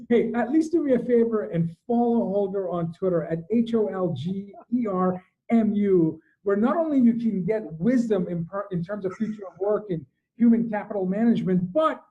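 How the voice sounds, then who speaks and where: A man's voice: high voice, moderate pace. A man co-hosting a casual show over a video call, upbeat and laughing as he introduces guests. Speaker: show co-host. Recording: dull lo-fi call audio.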